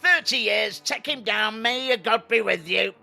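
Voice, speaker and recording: A man's voice: sits high, creaky, sharp tone, soft background music, full character voice. A man playing a blustering, pompous old-school judge. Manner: blustering, pompous, quick to sentence. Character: harsh bigoted male judge handing out absurd sentences.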